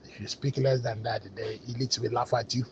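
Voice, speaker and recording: A native Igbo speaker with a Nigerian Igbo accent rambles through casual commentary, switching between English and Igbo with plenty of hesitant fillers. His mid-range voice stays level and fairly quick, captured on a dull lo-fi recording with a noisy background.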